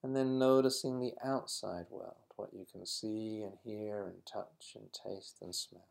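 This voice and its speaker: A man leading a guided mindfulness exercise in a slow, calm, instructive manner. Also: on the low side, creaky. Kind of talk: guided meditation.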